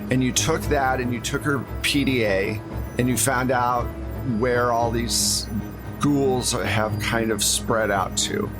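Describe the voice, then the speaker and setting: Acting as game master for a tabletop game, a man gives a casual spoken recap of the story so far. His voice is slightly higher than average, slow and fairly even, with music clearly audible behind him.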